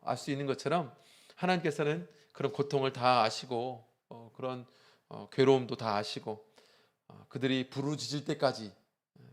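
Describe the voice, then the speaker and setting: A male pastor preaching a sermon in church, telling a story with frequent "uh" fillers and rising emphasis. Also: medium pitch.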